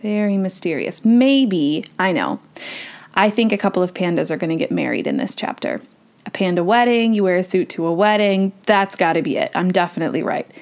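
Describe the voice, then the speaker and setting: A woman's voice: fairly low pitch, lively intonation, fairly quick, a little mellow. A woman reading a children's storybook aloud, with chatty, playful asides. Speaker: children's book reader.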